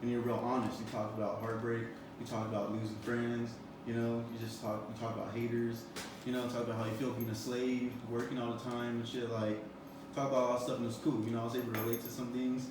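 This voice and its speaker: A man's voice: medium pitch, level tone, quick pace. A man in his twenties hosting an interview, rambling with lots of "you know" and "um" fillers. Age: 20s. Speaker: interview host. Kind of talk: casual interview. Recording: roomy echo, far from the mic, background noise.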